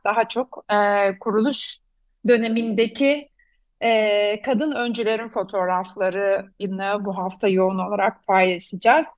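A woman hosting a talk programme, presenting and explaining, pausing now and then to find her words. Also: fairly high pitch, no room sound. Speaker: host. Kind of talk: semi-scripted programme presenting.

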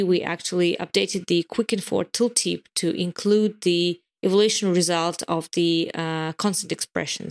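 A woman giving product updates in a casual podcast chat, explaining in long runs with frequent fillers and restarts. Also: lowish voice. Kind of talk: casual podcast chat about developer tools.

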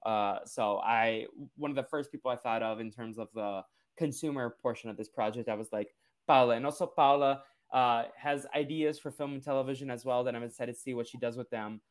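A man's voice: medium pitch, steady tone, brisk. A man from Brazil hosting a casual podcast interview, chatty and loose, with many fillers and restarts. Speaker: podcast host.

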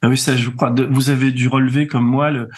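A man's voice: medium pitch, flat delivery, brisk, husky. Man interviewer asking casual questions. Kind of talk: conversational interview.

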